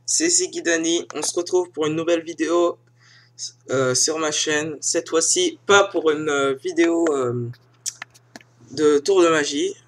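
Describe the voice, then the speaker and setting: A man's voice: on the high side, unhurried, a little hiss or hum. A young French-speaking man casually walking viewers through film sites, hesitant, full of fillers and self-mocking asides, filmed one-handed on a phone. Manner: hesitant, many fillers and restarts. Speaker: YouTuber showing film sites. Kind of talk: casual screen-recording tutorial. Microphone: filming with a phone held in one hand.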